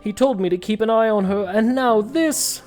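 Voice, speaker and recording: A woman's voice: a little high, moderate pace, darkish tone, soft background music, voice pushed up, natural voice. A woman voicing an anxious male crab court musician in a game, attempting an island accent. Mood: panicked.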